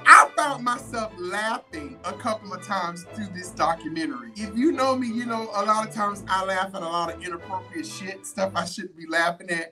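Woman host, sassy gossip commentary, slightly high voice, sharp bright tone, faint music underneath. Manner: sassy, animated, colloquial with frequent asides. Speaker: podcast host.

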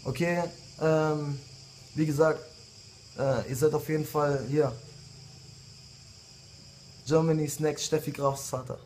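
A man's voice: a little high, little pitch movement, unhurried, long pauses, darkish tone, a little hiss or hum. A man in his late twenties, a rapper delivering a heated, insulting diss message straight to his rivals. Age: late 20s. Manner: heated, insulting rant with repeated jabs. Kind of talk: angry diss video message.

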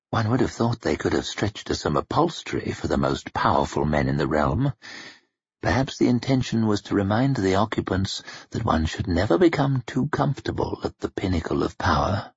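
Husky male audiobook narrator. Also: lowish voice, dry recording. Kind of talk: scripted narration. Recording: dull lo-fi home recording, dry.

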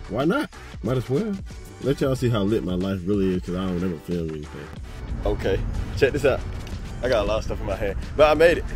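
A young man with a fairly low voice rambles to his phone camera from the driver's seat. His talk is relaxed and full of slang, like a casual daily vlog update. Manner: laid-back slangy rambling. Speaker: vlogger. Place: inside a car. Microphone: phone held at arm's length.

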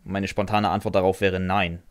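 A man's voice: sits low, little pitch movement, moderate pace, dry recording. A man narrating a first-person fan audio drama in a dry, sardonic way, answering with hesitant "äh"s.

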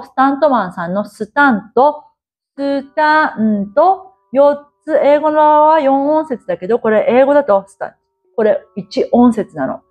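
A woman's voice: high voice, dull audio. A woman teaching as an English coach in a casual lecture, coaxing her listeners and sounding out words as she drills them.

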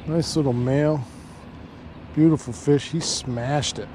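A fishing channel host in his thirties chats casually from a lake dock while casting, turning excited when fish strike. His voice sits on the high side and he talks a little slowly. It's captured by an action camera's outdoor mic, chest-mounted and then on a stand, with noticeable background noise.

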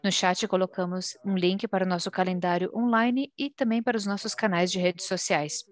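A woman with a Brazilian accent interpreting a formal speech live, phrase by phrase with pauses. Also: lowish voice, steady tone. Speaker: simultaneous interpreter.

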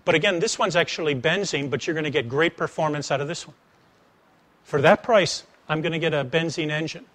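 A middle-aged American man, a former engineer who now trains salespeople, gives an informal, conversational public lecture in an attic seminar room with a wooden floor, picked up by a lapel mic. His voice sits a bit higher than most men's and his delivery is brisk. He explains through animated, acted-out anecdotes, often pausing to pose a rhetorical question.

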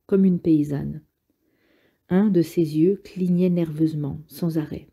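A woman with a husky voice reading a novel aloud in calm, measured audiobook narration. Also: low-pitched. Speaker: audiobook reader.

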